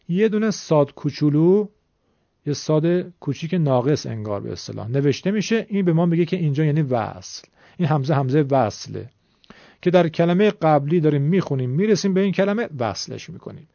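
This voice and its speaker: A man's voice: on the high side, lively intonation, vocal fry, dark tone, dry recording, dull audio. A man teaching a Quran reading lesson, explaining patiently and politely to his viewers.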